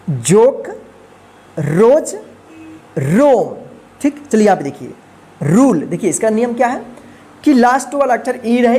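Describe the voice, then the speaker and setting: A woman's voice: fairly high pitch, dark tone. A woman teaching English pronunciation rules, spelling words letter by letter and repeating them patiently. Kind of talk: phonics lesson.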